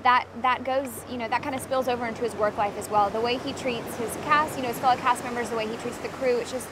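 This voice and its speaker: Woman talking sweet n soft about her role, highish voice, noise in background. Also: steady tone, quick pace. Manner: soft-spoken, sweet, with fillers. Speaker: actress interviewed about a film. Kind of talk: casual press interview.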